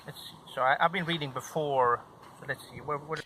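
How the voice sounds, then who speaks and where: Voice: mid-range voice, steady tone, brisk, bright, forceful tone, low-quality recording. A vlogger chatting playfully and teasing a friend while filming. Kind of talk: casual vlog chat.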